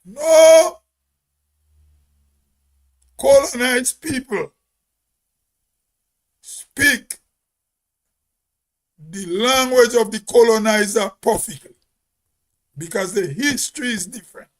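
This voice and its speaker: A man's voice: very high-pitched, slow, long pauses, fairly bright tone. A Grenadian man giving a spoken commentary in an emphatic, preachy way, as if on radio.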